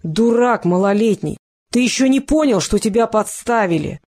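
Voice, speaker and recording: Cold bespectacled male interrogator, mocking and relentless, as a reader puts him on, in a dark, husky, dry voice. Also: medium pitch, lively intonation, brisk. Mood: shouting. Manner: cold, needling, shouting when pressing. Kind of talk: audiobook character reading.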